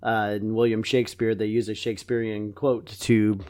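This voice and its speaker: A man's voice: lowish voice, flat delivery, moderate pace, darkish tone, smooth, no echo, studio quality. A man co-hosting a podcast, offering casual analytical commentary. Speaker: podcast co-host.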